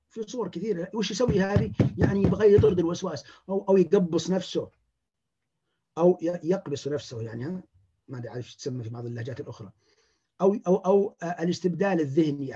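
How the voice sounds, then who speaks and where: A man, a clinician giving a lecture, talking in an animated way and acting out the words of patients. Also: a little high, slightly rough, muffled recording.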